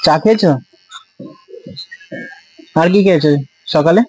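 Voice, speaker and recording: A man filming a street vlog, coaxing and gently scolding as he asks the same questions again and again. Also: a little high, unhurried, husky, low-quality recording. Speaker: vlogger helping a homeless man. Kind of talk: casual street vlog talk. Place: outdoors on a street.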